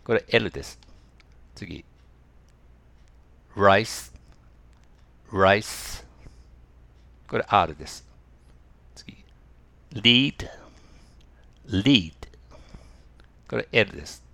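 A man teaching English pronunciation, reading minimal-pair drills slowly and carefully, then explaining in calm speech. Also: deep voice, gravelly, no echo. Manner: slow, careful drill reading, words louder than the talk.

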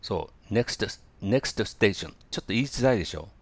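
A man teaching English pronunciation in a relaxed spoken lesson, pausing often with fillers and slowly demonstrating phrases for listeners to repeat. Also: on the low side, husky, no echo. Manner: hesitant, many fillers, slow drilled demonstrations.

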